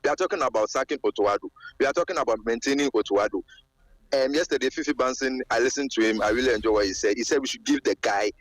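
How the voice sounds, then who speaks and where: Driving and on a car speakerphone, a radio caller from Ghana with a Ghanaian accent speaks at a racing pace in a medium-pitched voice. Impassioned, he repeats himself and works up to fervent exclamations. The audio is low quality with no room sound.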